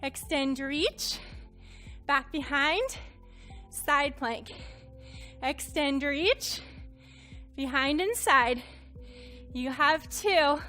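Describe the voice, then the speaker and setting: A woman's voice: sits high, very slow, pauses often, bright, forceful tone, soft background music. A woman instructor cueing a Pilates workout, counting reps and encouraging, a little out of breath. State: slightly out of breath.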